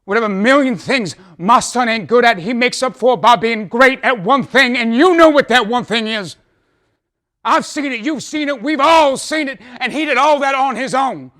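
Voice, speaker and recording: Lightly acted in a mid-range voice, a man portrays a troubled, folksy father in a dramatic, theatrical monologue. He pleads earnestly, alternating between hesitant pauses and impassioned bursts.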